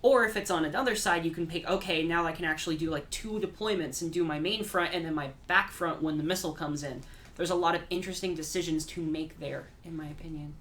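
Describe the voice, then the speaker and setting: A woman game developer explains features at a rapid clip. Her voice sits a little low for a woman, and she talks with eager enthusiasm. A faint room ambience hangs behind her in the studio. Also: a bit bright, a little hiss or hum. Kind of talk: casual stream discussion.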